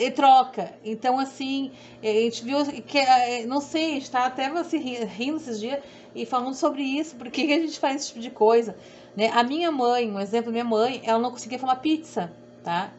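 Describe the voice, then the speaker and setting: Middle-aged woman with a southern Brazilian accent, a sewing instructor who chats and rambles, voice a touch high, muffled recording. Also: moderate pace, a little mellow. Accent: southern Brazilian Portuguese. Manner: rambling, repetitive, self-deprecating. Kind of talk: chatty sewing tutorial. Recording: dull audio with faint background hum.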